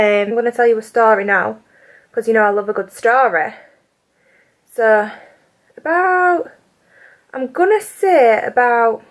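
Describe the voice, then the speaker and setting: Chatty British woman, slightly high voice. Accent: British English. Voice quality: chatty, rambling with many fillers. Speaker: beauty vlogger. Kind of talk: casual get-ready-with-me chat.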